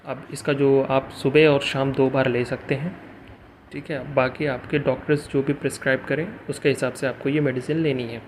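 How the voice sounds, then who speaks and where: A man reviewing a tablet on his channel, explaining it step by step, pausing often and mixing English terms into Hindi. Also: medium pitch, flat delivery, slight background noise. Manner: halting, many fillers and restarts, mixes English into Hindi. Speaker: pharmacy vlogger.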